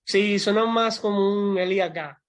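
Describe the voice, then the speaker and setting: A man's voice: high voice, measured pace. A man from the Dominican Republic with a Dominican accent, chatting casually and animatedly about pronunciation, demonstrating sounds and laughing easily. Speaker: podcast co-host. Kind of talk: casual chat about language learning.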